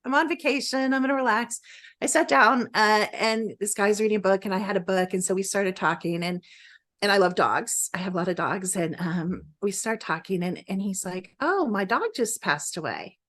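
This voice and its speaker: Middle-aged woman, podcast guest; effusive, rambling storyteller, mid-pitched. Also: moderate pace, fairly bright tone. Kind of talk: casual conversation.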